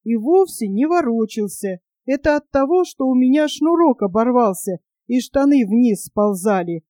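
A woman's voice: medium pitch, little pitch movement, moderate pace, mellow, no echo, studio quality, lightly acted. A woman voicing a timid, easily offended boy who whines plaintively. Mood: whiny. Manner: plaintive, whining.

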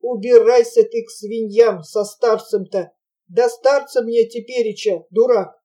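A woman's voice: on the high side, steady tone, measured pace, warm tone. Woman voicing a despairing merchant father. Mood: angry. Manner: lamenting, exclaiming. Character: desperate grieving merchant father, middle-aged man.

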